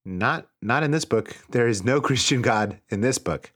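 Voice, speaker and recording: A man's voice: mid-range voice, expressive, moderate pace, a bit bright. A man co-hosting a comedy podcast, joking and rambling and laughing often. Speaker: podcast co-host. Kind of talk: casual comedic chat.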